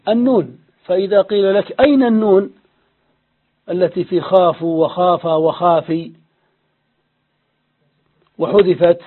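A high-voiced man gives a patient classroom grammar lesson, repeating each rule and putting questions to his students. The sound is thin and tinny, as if it came down a phone line. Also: fairly even intonation, measured pace, pauses often. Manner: patient, explanatory, repeats key rules and asks the class questions. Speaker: Arabic grammar teacher.

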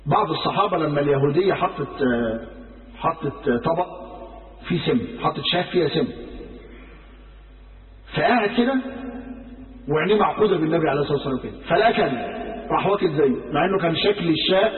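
A man with an Egyptian Arabic accent preaching a sermon, telling stories in a lively way and acting out the quoted speech. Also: fairly high pitch, fast talker, long pauses. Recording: roomy hall from far off, phone-like sound.

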